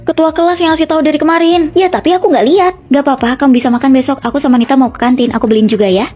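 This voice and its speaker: Young woman, high voice, rapid bickering dialogue, dubs several roommates, faint music behind. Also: fairly even intonation, darkish tone. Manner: quick bickering dialogue, switching between characters. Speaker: voice actor. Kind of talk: dubbing several dorm roommates in a short drama.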